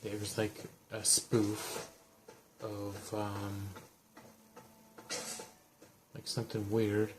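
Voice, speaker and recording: A man's voice: lowish voice, monotone, very slow, pauses often. A man streaming a video game live, giving casual, rambling commentary and reading the player's dialogue lines aloud, with faint hiss behind him.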